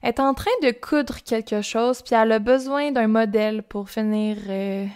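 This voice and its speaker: A woman's voice: fairly high pitch, fairly even intonation, moderate pace, darkish tone, a little hiss or hum. A young woman with a Québécois accent casually telling a true-crime story on a podcast, chatty and informal with asides. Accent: Québécois French.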